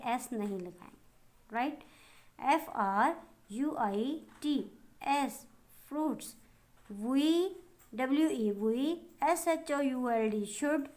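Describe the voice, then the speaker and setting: Slow-spelling woman teacher with Pakistani accent. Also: on the high side. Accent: Pakistani Urdu. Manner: slow, spells words letter by letter and translates them; addresses pupils fondly as children. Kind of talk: online class lesson for young children.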